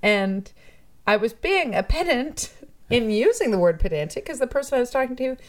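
Guesting on a relaxed interview, this musician from Toronto, Canada, is chatty and reflective, with frequent laughter. Her voice is a little high, swings widely in pitch, and moves at a normal speed.

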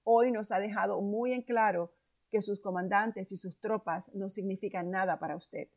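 Stern blunt army commander, woman reading it, gravelly low voice, dark. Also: fairly even intonation, moderate pace, lightly acted. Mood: reproachful. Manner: blunt, reproachful.

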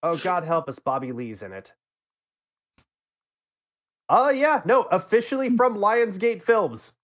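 A man's voice: high-pitched, sing-song, unhurried. A man co-hosting a gaming podcast, reading a movie synopsis aloud in casual chat with wry, dismayed groans. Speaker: podcast co-host.

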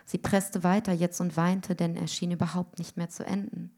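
A woman reading a literary story aloud in a rhythmic way, often dropping to hushed tones. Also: fairly low pitch, level tone, moderate pace. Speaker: reader.

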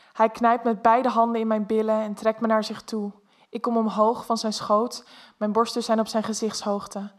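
A woman reading an erotic story aloud in a soft, intimate first-person narration. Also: medium pitch.

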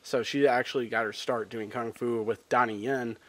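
A man's voice: medium pitch, steady tone, moderate pace, fairly bright tone. A man with an ordinary mid-range voice chats on a podcast, gushing eagerly and dropping "like" into nearly every phrase. He sounds enthusiastic and casual. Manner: enthusiastic, filler-heavy with lots of "like". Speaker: podcast co-host. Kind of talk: casual chat.

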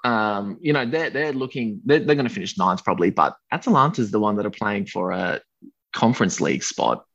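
A man co-hosting a casual football podcast, easygoing and quick to laugh along. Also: lowish voice, animated, a bit bright. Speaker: podcast co-host. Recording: dull lo-fi audio.

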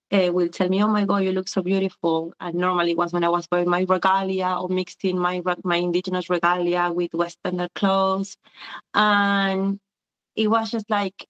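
An Argentine community organizer speaks as a guest in a conversational interview, her voice low, clear and resonant. She searches for words and reflects as she goes, dropping frequent "eh" fillers. The sound is dull and lo-fi.

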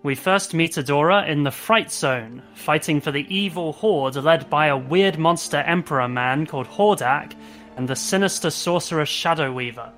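A man's voice: fairly high pitch, normal speed, fairly bright tone, soft background music. A young adult man in casual discussion as co-host of a review show.

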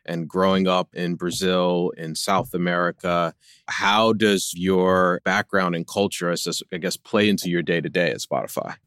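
A man hosting a podcast interview, introducing his guest and backing him up with steady "mm-hmm" and "right". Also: low-pitched, normal speed, clean tone, no room sound, clean studio sound. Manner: affirming, frequent "mm-hmm" and "right". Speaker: podcast host.

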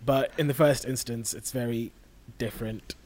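A man's voice: mid-range voice, steady tone, moderate pace, darkish tone. Well-spoken young man, modern southern British accent. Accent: modern Received Pronunciation, southern English. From southern England. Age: young adult. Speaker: medical student on a podcast. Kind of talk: casual podcast discussion.

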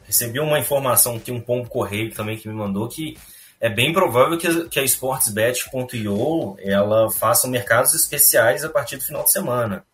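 A man's voice: medium pitch, brisk, fairly bright tone, slight background noise. A man with a Brazilian Portuguese accent chatting casually as a podcast guest. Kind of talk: casual chat.

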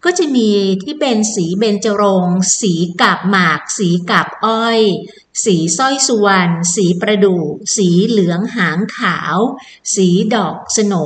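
A woman's voice: medium pitch, fairly bright tone. Female event announcer, polite and inviting, repeats key details, roomy echo with faint noise. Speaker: presenter announcing a public event. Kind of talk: promotional announcement, semi-scripted.

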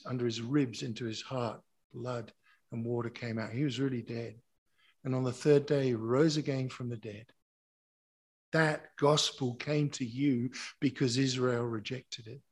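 Male preacher, sermon delivery, unhurried and emphatic, breathy husky tone. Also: medium pitch. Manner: emphatic, repeating key phrases.

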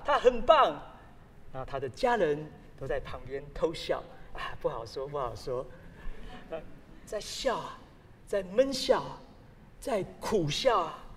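A man preaching a sermon as a pastor, telling stories with sudden loud exclamations. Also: fairly high pitch. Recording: long hall reverb.

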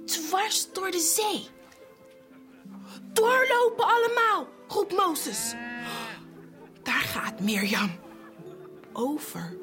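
Using a fairly high-pitched voice, a woman narrates a Bible story for children, moving between hushed whispers and lively character voices.

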